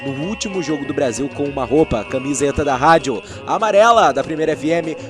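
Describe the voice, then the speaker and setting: A man's voice: a little high, animated, brisk, over music. A Brazilian man hosting a sports radio show, sounding a bit hungover as he presents.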